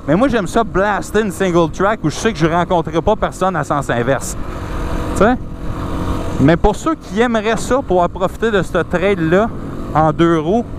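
A man's voice: high-pitched, animated, normal speed. A man with a Québécois French accent, talking casually to camera while riding a dirt bike on a forest trail, swearing often and asking rhetorical questions. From Quebec. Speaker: motovlogger. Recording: loud engine and wind noise.

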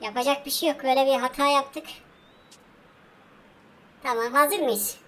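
A woman streaming a football match lets her high voice soar and sink as she talks to her audience. She rants and groans loudly at every miss, always addressing the viewers directly. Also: moderate pace, slight background noise. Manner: talks straight to viewers, over and over. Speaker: gaming channel host. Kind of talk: casual let's-play commentary.

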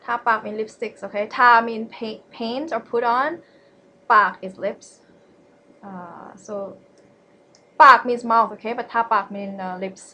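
A young Thai woman, a native speaker with a Thai accent, casually teaches Thai on a livestream from her small bedroom in Thailand. She's chatty and laughs often, with lots of fillers and restarts, speaking fast in a slightly high, sharp voice. The audio is lo-fi with a little hiss or hum.

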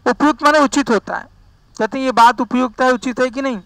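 High, bright-voiced grammar teacher. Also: male voice, fast talker, clean tone, dry recording, rough recording. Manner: chatty, folksy, drifts into dialect asides. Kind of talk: classroom lesson.

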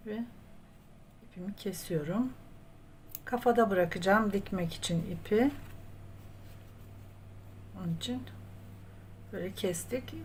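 A woman with a mid-range voice gives a slow-paced crochet tutorial, narrating each step as she works. She counts her stitches aloud and calls viewers her friends. Clear background noise and room ambience are audible.

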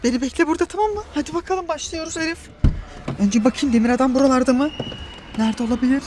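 A mother filming a family vlog with her children around a car, talking in an animated, excitable way and shouting urgently during pretend chase games. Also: sits high, quick pace. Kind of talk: family vlog play-acting with kids.

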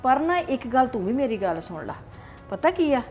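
A woman plays a scheming older grandmother who sweet-talks a child into keeping secrets. Her Punjabi-accented voice runs a little high and stays hushed and conspiratorial. Soft music sits behind her. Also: big pitch swings, moderate pace. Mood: coaxing. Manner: coaxing, conspiratorial.

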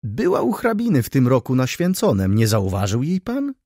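A man's voice: medium pitch, huge pitch swings, moderate pace, dark tone, no echo, studio quality, voice pushed up. A man voicing a talkative, ceremonious graying older baron who keeps calling his listener "sir". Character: chatty, fussy graying older baron, eager.

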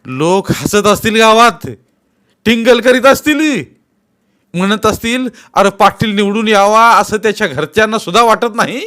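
A man's voice: high-pitched, pitched above the performer's own voice. A man doing a furious village headman. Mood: bitter despair. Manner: shouting, scolding, rapid-fire questions. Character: furious middle-aged village headman, self-pitying.

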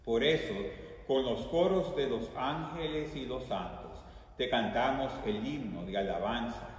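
Male priest, middle-aged, solemn liturgical prayer, slow and deliberate, heard from far off with cathedral echo. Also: medium pitch. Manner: measured, declamatory delivery. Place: large ornate church, at the altar. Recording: distant, echoey church with long reverb, noisy.

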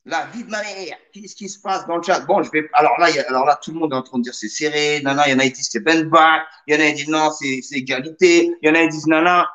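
A man's voice: fairly high pitch, fast talker, few pauses, bright, forceful tone. A man hosting a live radio show, joking and teasing while reading out the chat. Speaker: radio host.

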